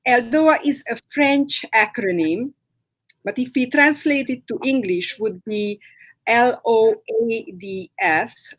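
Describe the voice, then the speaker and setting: On a live video-call interview, a middle-aged Romanian guest with Hungarian as her first language patiently walks through her therapy work, slowly and with frequent fillers. Her voice is a little high, and the recording is rough.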